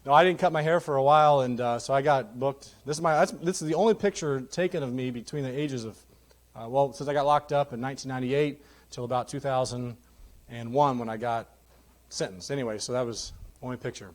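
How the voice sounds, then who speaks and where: A man's voice: mid-range voice, fairly quick. A man in his thirties giving a candid, joking testimony sermon in a church. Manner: candid, jokey, animated storytelling. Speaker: guest preacher. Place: church sanctuary.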